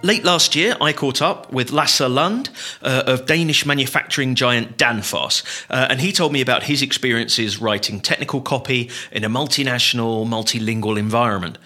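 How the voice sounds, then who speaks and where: A man's voice: mid-range voice, moderate pace, pushed and bright. A man co-hosting a podcast, chatting in a dry, joking, easygoing way. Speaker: podcast co-host. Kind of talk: casual podcast chat.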